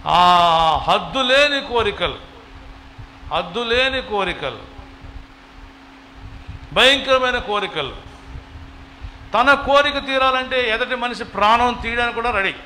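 A man preaching a sermon as a pastor, swinging from quiet passages to loud, rising exhortations. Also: high-pitched, a little hiss or hum, rough recording. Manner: preaching with sudden loud rises and quiet drops.

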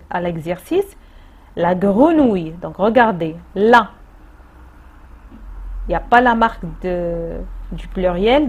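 Slow, patient woman teacher. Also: mid-range voice, lo-fi sound. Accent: Moroccan French. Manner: slow, patient explaining with repetitions. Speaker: primary school teacher. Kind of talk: distance-learning lesson.

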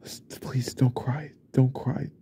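A young man voicing an unstable, remorseful young husband in a whispered role-play, stammering and repeating himself in a husky, often whispered voice. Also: mid-range voice, little pitch movement, measured pace, warm tone, a little hiss or hum. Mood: pleading. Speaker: ASMR role-play creator.

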